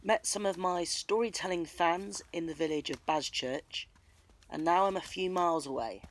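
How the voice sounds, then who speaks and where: A male travel vlogger's voice sits high, with a fairly bright tone and a normal speed. He presents and tells stories theatrically outdoors in the countryside, combining narration with on-location talk.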